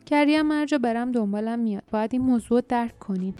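A woman's voice: fairly high pitch, warm tone, smooth, soft background music, close to an everyday voice. A woman narrator voicing a fierce young forest girl, breathless and urgent. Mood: determined. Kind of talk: audiobook character reading.

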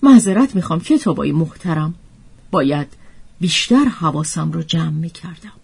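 A woman's voice: sits low, expressive, creaky, a little mellow, husky, full character voice. A woman voicing a slender, anxious book-loving woman in a storybook reading. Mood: apologetic.

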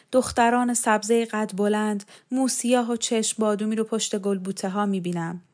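A woman's voice: mid-range voice, a little mellow, natural voice. A woman voicing a dreamy, romantic young man who talks in an effusive, rhapsodic way in a storybook reading.

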